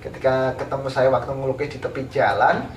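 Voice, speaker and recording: A man from East Java, an interviewed painter, tells his life story in a casual, unhurried way with many fillers. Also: mid-range voice, steady tone. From East Java, Indonesia. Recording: roomy, from a distance, faint background noise.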